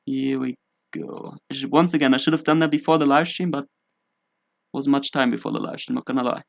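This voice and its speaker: A man's voice: mid-range voice, steady tone, fairly quick, gravelly. A young man from Germany, chatting casually and rambling on a live stream with self-mocking asides. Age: 20s. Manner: self-mocking, rambling, thinking aloud while setting up. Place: home room in England.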